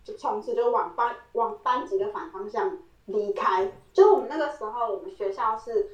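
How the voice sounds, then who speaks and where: A woman's voice: medium pitch, moderate pace, recorded from a distance, highs cut off. A woman, co-hosting a podcast and telling a story in casual chat. She laughs often and acts out the quoted lines. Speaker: podcast co-host. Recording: roomy echo, voice set back from the mic.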